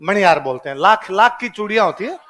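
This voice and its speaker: A male coaching teacher with a Rajasthani accent drills his class with rapid call-and-response lists, firing questions and repeating answers. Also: high-pitched, animated, fairly bright tone, some chatter behind. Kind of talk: exam coaching lecture.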